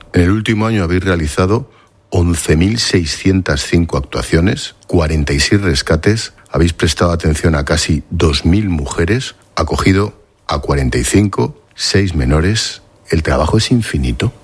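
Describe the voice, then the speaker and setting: A man's voice: low voice, lively intonation, normal speed, slightly rough. A man interviewing guests with direct, probing questions in a broadcast interview.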